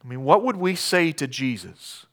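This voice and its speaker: A middle-aged male pastor preaching a sermon, shifting between hushed storytelling and loud, impassioned outbursts. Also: a little high, sing-song, moderate pace.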